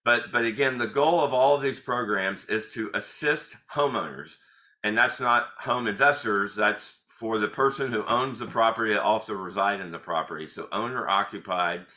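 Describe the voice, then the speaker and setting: Middle-aged male attorney host, lower pitch, bright edgy tone, halting delivery full of fillers. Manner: hesitant, many fillers and restarts. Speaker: attorney hosting a monthly Q&A webinar. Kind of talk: informal webinar presentation.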